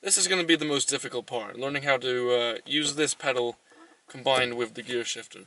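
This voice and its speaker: Guy doing a fake how-to in a car, bright sharp voice, sounds kinda far from the mic. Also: medium pitch, a little fast. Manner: deadpan mock-instructional. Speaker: host. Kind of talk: mock tutorial comedy. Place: inside a car.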